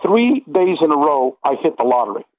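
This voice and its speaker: Over a tinny phone-like connection with no echo, a middle-aged man speaks in a slightly high, sing-song voice at normal speed. He's a guest on an interview, sharing personal stories casually and at length, earnestly emphasizing things and checking in with "okay" and "you know."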